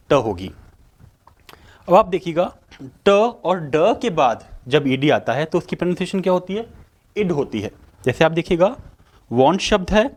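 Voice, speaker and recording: A man with a Hindi accent teaching English pronunciation in an exam-prep lecture, asking questions and answering them himself. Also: on the high side. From India. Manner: rhetorical questions answered himself, drawn-out sounds.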